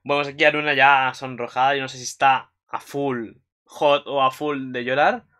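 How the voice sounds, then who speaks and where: An anime commentary vlogger runs through an episode recap in a relaxed way, speaking at normal speed in a mid-range voice. He wanders from point to point, gets worked up easily, and uses lots of filler words.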